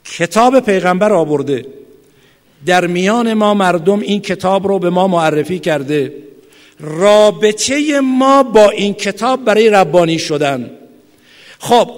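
A man with a high voice preaches a fervent sermon. He drops to near-whispers, then builds to loud shouts. His voice rings out with a long reverb, as if in a large hall. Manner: swings from hushed to loud shouting. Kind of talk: impassioned sermon.

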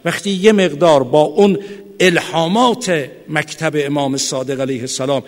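A man preaching an impassioned sermon, swinging from hushed, low passages to loud shouting. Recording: long hall reverb.

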